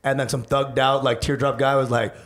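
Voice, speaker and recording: A man who grew up in Dallas, co-hosting a podcast in casual, teasing chat at a boom mic in a studio. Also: flat delivery, brisk, a bit bright. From Dallas, Texas, born in Canada. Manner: joking, laughing, teasing. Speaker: podcast co-host. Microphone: boom microphone.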